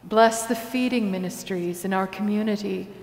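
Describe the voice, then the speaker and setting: A woman pastor leading prayers and the communion liturgy in a large church sanctuary, with a slow, measured cadence. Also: mid-range voice, darkish tone. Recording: echoey church hall.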